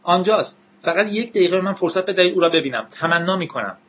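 A man's voice: on the high side, expressive, breathy edge, dull audio, voice pushed up. A man voicing a frantic, pleading young man in a raised, urgent voice.

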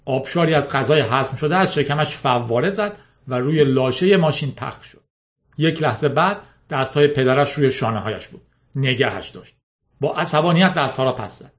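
A man narrating a story aloud in a steady, measured reading. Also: medium pitch. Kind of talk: scripted audiobook narration.

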